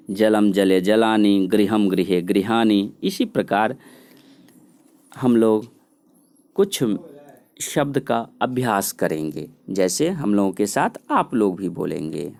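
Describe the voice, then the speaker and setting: A man teaching a grammar lesson, slowly reciting word forms for students to repeat. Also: on the low side, lively intonation, creaky, darkish tone. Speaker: Sanskrit teacher.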